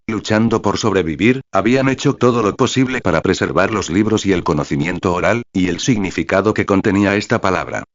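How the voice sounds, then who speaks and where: A man narrating a story in an even, steady reading voice. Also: on the low side, no room sound, highs cut off.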